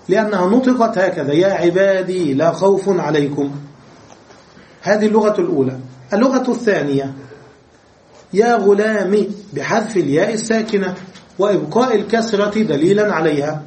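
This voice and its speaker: A man's voice: high-pitched, darkish tone, roomy sound, recorded from a distance, slight background noise, low-quality recording. A man teaching an Arabic grammar lesson, explaining step by step and asking his class questions before answering them.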